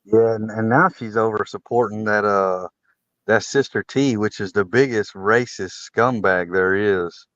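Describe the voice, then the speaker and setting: A man's voice: fairly low pitch, a little slow, fairly bright tone, no echo, muffled recording. A man co-hosting a casual livestream, blunt and often chuckling. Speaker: livestream co-host. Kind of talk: casual chat.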